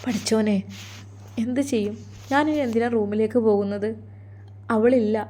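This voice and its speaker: Woman narrator, earnest storytelling, mellow tone. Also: on the high side, moderate pace. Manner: emotive, earnest.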